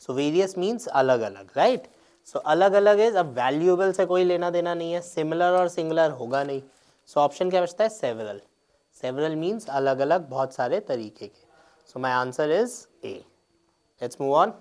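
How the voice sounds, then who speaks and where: A man's voice: fairly high pitch, animated, measured pace, a little mellow. Man explaining exam answers step by step. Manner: explains step by step, mixing Hindi and English, with frequent check-ins. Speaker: teacher. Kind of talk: exam paper explanation lecture.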